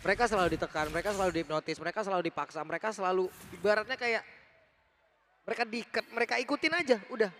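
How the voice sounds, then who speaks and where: Male esports analyst, Indonesian accent, very high voice, rapid and emphatic, repeats phrases to drive points home. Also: sharp tone. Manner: emphatic, builds points through repetition. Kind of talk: match analysis commentary.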